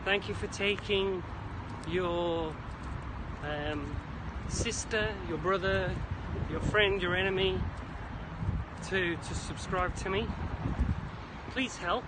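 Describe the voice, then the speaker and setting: Walking briskly along a city creek, a Manx man hosts a rambling vlog, a little breathless, chatty and jokey with quaint slang. His voice sits high with fairly even intonation and a slow pace, over noisy city traffic.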